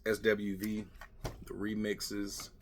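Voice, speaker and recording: This middle-aged vlog host speaks slowly and completely flat in a lowish voice, muttering rambling asides as he sorts things in a casual chat. Clear clicking and clattering fill the background.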